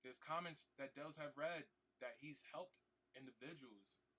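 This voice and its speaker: Emotional male streamer, bright voice. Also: on the high side, measured pace, breathy edge. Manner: emotional, repetitive, trying not to cry; casual slang, swearing. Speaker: game streamer. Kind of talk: heartfelt talk to stream viewers.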